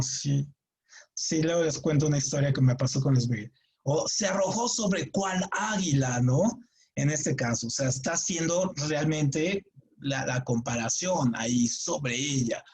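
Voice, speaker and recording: A man's voice: fairly high pitch, darkish tone. A man teaching a creative writing workshop, explaining in a chatty, digressive way and often checking with his students. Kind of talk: classroom lecture with anecdotes.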